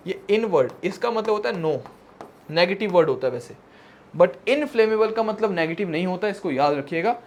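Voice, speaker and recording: A man teaching English vocabulary for an exam in a mixed Hindi and English lecture, reading English definitions out slowly and checking in with students. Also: high voice. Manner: tag questions to students.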